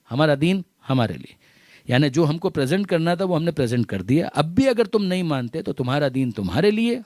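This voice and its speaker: A man's voice: on the high side, no echo, clean studio sound. A man giving a religious sermon to a gathering, reciting Arabic verses and explaining them with repeated phrases, rhetorical questions and English terms mixed in. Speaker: religious scholar giving a majlis lecture.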